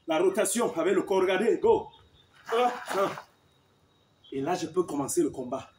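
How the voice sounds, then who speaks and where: A man's voice: high voice, animated, normal speed, darkish tone. A man teaching combat techniques. He demonstrates with a partner, counts the moves aloud and keeps checking in with "hein?". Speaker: martial arts instructor. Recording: echoey room with faint noise.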